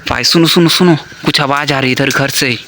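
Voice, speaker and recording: A man's voice: mid-range voice, fairly quick, bright, forceful tone, slight background noise. A man vlogging a night ghost hunt in an abandoned hut, calling out nervously and pleading with an unseen spirit. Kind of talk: spooky exploration vlog narration.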